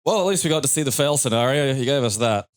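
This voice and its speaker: A man chatting casually over a video game, rambling and halting as he goes. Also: mid-range voice, expressive, clear, resonant tone, no room sound, clean studio sound. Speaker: gaming commentator. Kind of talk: casual gaming banter.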